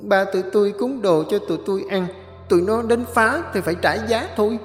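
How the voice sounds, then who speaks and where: A man voicing two small frightened child ghosts trapped in dolls, speaking in a shrill trembling voice. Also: brisk, echoey room, in a large hall, faint music behind, natural voice. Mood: defiant.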